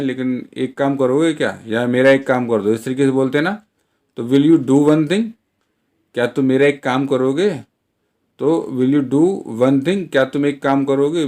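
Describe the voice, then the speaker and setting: Man teaching English in Hindi, slow repeats. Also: mid-range voice, darkish tone. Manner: slow, deliberate repetition of English example sentences; frequent "theek hai" check-ins. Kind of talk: Hindi-language English lesson.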